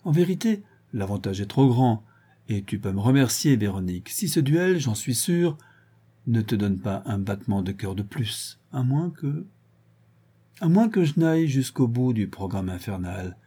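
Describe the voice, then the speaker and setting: In an audiobook reading, a man performs a cruel, unhinged male villain who rants and gloats, lurching between loud shouts and low hisses. His pitch swings widely, his pace is moderate, and his voice has a breathy edge.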